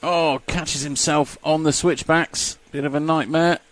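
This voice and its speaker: A man's voice: fairly high pitch, steady tone, unhurried, a bit bright. Chatty male race commentator. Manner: chatty, jokey, reads out lap times.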